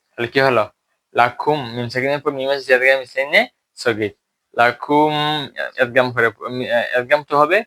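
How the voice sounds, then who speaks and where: A recitation teacher walks his students through the rules one step at a time, often asking whether they follow. His voice is bright and forward, and he sits at a medium pitch. When he models an example, he draws it out slowly. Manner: explains step by step and checks understanding with questions. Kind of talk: explanatory Tajweed lesson.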